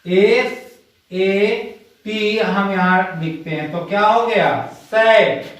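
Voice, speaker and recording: Slow, echoey male teacher. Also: high voice, fairly bright tone. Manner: slow, drawn-out reciting, quizzing students. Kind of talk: classroom grammar lesson. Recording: roomy echo, far from the mic.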